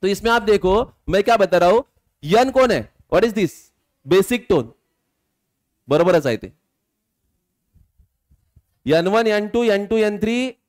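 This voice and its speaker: A male physics teacher, lecturing a class, quizzing students and slowly dictating formulas. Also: high voice, lively intonation, darkish tone.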